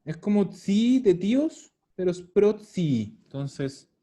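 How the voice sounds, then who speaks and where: A man's voice: high voice, big pitch swings, takes it slowly, mellow. A man teaching an online language lesson, patiently explaining and repeating words over a video call. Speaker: Italian teacher.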